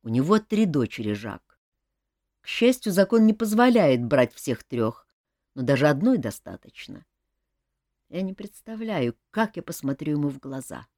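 A woman's voice: low-pitched, darkish tone, no room sound, studio quality. Woman reading as a tearful grieving king. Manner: broken, tearful speech. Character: grieving middle-aged male king, despairing. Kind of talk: audiobook character reading.

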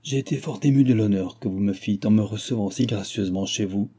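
A man's voice: lowish voice, brisk, dark tone, husky. A man voicing a stiff, guarded old noblewoman who complains of her misfortune.

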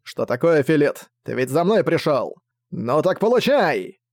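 A man's voice: on the high side, moderate pace, a little mellow, dry recording, clean studio sound, natural voice. Man playing a haughty, defiant older prince. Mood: proud. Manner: haughty, scornful. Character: proud defiant older prince, fleet commander.

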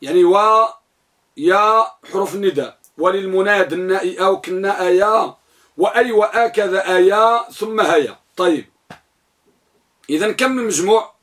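A man's voice: sits high, moderate pace, fairly bright tone. A man teaching a grammar lesson in a classroom. He quizzes his students, echoes their answers back and recites lists of items one by one.

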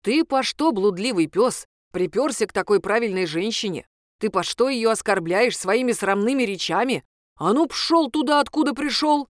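A woman's voice: medium pitch, sing-song, normal speed, no room sound, studio quality, natural voice. Woman reading as a blunt, hot-tempered village priest. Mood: indignant. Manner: folksy, scolding speech.

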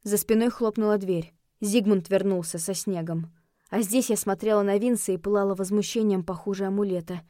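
A woman reading a first-person novel aloud as an audiobook narrator, expressive, falling soft and quiet at tense moments. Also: medium pitch, a little fast, dry recording, studio quality.

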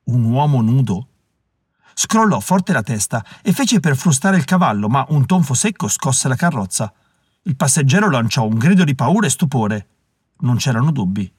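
Male audiobook narrator, dramatic, husky, dry studio sound. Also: medium pitch, sing-song, no echo. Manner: measured, dramatic storytelling. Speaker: audiobook reader. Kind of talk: scripted narration.

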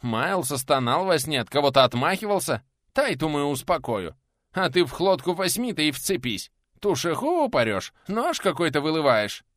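A man voicing a rough, menacing medieval warrior who slurs his folksy speech, in an audiobook. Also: fairly high pitch, sing-song, moderate pace, fairly bright tone, dry recording, studio quality, voice pushed up. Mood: grumbling.

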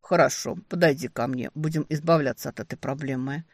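A woman voicing a brooding, seductive male demon in an audiobook, speaking low and hushed with a hoarse menace. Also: fairly quick, no room sound, studio quality. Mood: calm.

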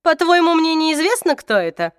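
A woman reader voicing an arrogant young man who loudly and coldly condemns others, reading a fantasy audiobook. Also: very high-pitched, big pitch swings, moderate pace, dry recording, clean studio sound, voice pushed up. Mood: scornful. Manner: loud, cold and self-righteous.

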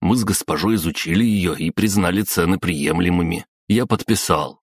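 A man's voice: low voice, normal speed, husky, no room sound, studio quality. A man voicing a serious, loyal male assistant, a former taxi driver, who speaks in a restrained and businesslike way in an audiobook. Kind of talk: audiobook character voice.

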